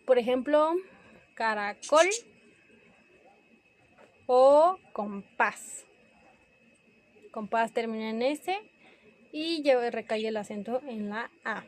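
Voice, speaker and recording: A woman's voice: a little high, a little mellow, dry recording. A young woman presenting a class review, hesitant and correcting herself as she goes. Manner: hesitant, self-correcting, slow and careful.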